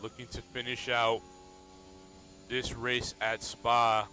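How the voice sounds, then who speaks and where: Slow, bright-voiced male race commentator. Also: medium pitch. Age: adult. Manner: relaxed, steady play-by-play with fillers. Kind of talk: sim racing commentary.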